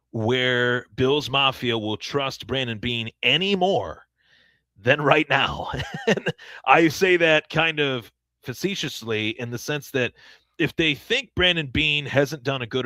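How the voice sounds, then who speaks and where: Man, sports podcast host, bright tone, dry close mic, enthusiastic, opinionated, stumbles and restarts. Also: mid-range voice, no room sound. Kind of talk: solo sports podcast commentary.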